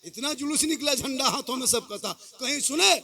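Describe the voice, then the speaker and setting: A man in his fifties with a Jharkhand Hindi accent, preaching to a crowd on a microphone, shifting from quiet reasoning to shouted, sung declamation with humorous rhetorical questions. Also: extremely high pitch, brisk. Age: 50s. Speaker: Islamic preacher. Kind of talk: sermon to a crowd. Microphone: mic through a loudspeaker system.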